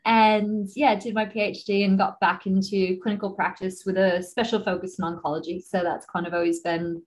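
An American woman in her thirties talks easily as a podcast guest. She fills her speech with "um" and light laughter, at an ordinary middle pitch for a woman. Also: little pitch movement, normal speed, poor audio. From United States. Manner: chatty, laughs often, many fillers. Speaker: guest, exercise physiologist. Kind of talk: casual interview chat.

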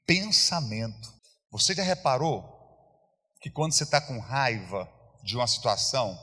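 A man's voice: on the high side, a bit bright. A man preaching a sermon as pastor, emphatic and repetitive, acting out quoted voices. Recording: long church hall reverb.

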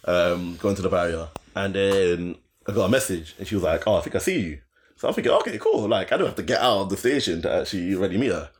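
A young man with an urban London roadman accent, telling a casual story in slangy, animated speech and repeating phrases for emphasis. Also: low voice.

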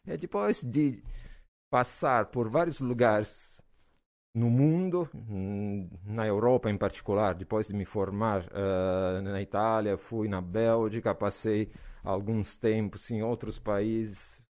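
A man in his forties from Naples with an Italian accent, a physics professor answering interview questions in a relaxed way, with frequent hesitations and fillers. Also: on the low side, slow pace. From Naples, southern Italy. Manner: hesitant, many "ah" fillers, laughs easily.

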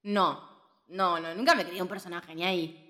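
Here the co-host's voice is on the low side and her pace moderate. She's a woman in her twenties with a Rioplatense Spanish accent, telling animated, laughter-filled stories in casual, slang-heavy film podcast chat.

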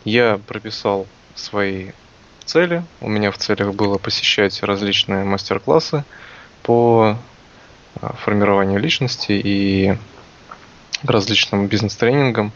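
Young man co-hosting, fairly low voice. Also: measured pace. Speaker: podcast co-host. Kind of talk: casual podcast talk. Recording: dull, lo-fi sound.

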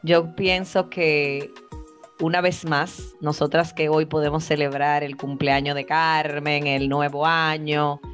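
A woman co-hosting a casual chat, speaking in a reflective, emphatic way with drawn-out phrases. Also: low-pitched, level tone, soft background music. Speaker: podcast co-host. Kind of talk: casual chat among friends.

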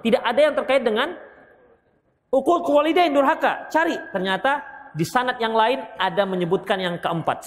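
A man from Indonesia with a Medan Indonesian accent, a preacher giving a hadith lesson and answering questions, lively and joking as he acts out wedding vows. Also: high-pitched. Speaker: Islamic preacher. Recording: long reverb of a hall.

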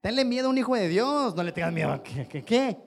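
A man's voice: high voice, sing-song, fast talker, gravelly, faint music behind. A man with a Mexican accent preaching a sermon as pastor, emphatic and repetitive, firing rhetorical questions at his listeners. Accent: Mexican Spanish. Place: standing before a congregation.

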